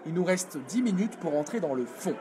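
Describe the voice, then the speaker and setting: A man coaching public speaking in a live video workshop, energetic and demonstrative, answering viewers' comments. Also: high-pitched, fairly quick, slight background noise. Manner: energetic, demonstrative, reads chat comments aloud.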